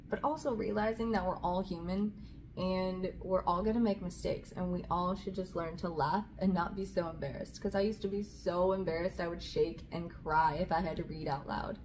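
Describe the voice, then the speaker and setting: A woman in her thirties hosts a children's read-aloud, reading storybooks and chatting casually in a lowish voice with a darkish tone. She's filmed on a camera at about arm's length in a small indoor room with a curtain backdrop. The audio is poor, with clear background room noise.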